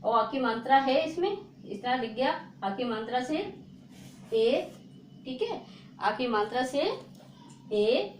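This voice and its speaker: A woman teaching a spelling lesson, repeating words slowly and asking her viewers rhetorical questions. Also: fairly high pitch, animated. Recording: echoey room with faint noise.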